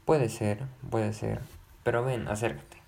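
Man doing a heartsick gentleman, earnest, pleading, repeating lines, lowish voice. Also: fairly even intonation, slow, gravelly. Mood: coaxing. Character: lovesick, agitated young gentleman. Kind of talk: audiobook narration.

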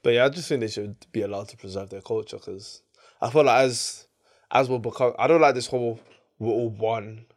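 A man with an urban London roadman accent and a medium-pitched voice. He talks in a casual, slangy way, like a co-host bantering with a friend. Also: fairly quick. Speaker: podcast co-host.

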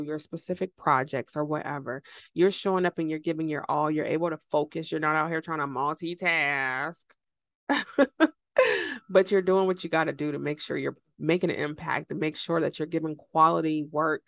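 A woman's voice: deep voice, dry recording. A woman hosting a podcast, giving an emphatic, preachy motivational talk straight to her listeners, repeating phrases for effect and laughing often. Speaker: podcast host.

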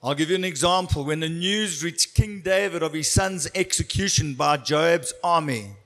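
Male preacher with a high voice, giving a sermon in short phrases that leave room for a live interpreter. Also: a little slow, a bit bright.

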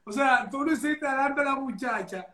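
High-voiced host who keeps interrupting. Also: male voice, moderate pace, a crowd in the background. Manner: keeps interrupting to question the guest. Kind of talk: casual live show chat.

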